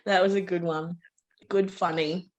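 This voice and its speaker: A woman, co-hosting a podcast in casual chat, animated and laughing. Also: lowish voice, measured pace. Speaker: podcast co-host.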